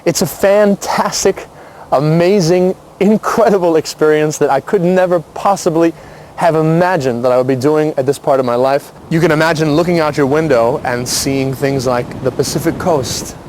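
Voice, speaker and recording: A man's voice: on the high side, normal speed, a little mellow. An American man talking casually to camera like a showman, stretching out his emphatic adjectives. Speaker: circus ringmaster showing his life on tour. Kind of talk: casual to-camera vlog talk. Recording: faint outdoor and vehicle noise. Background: faint outdoor noise.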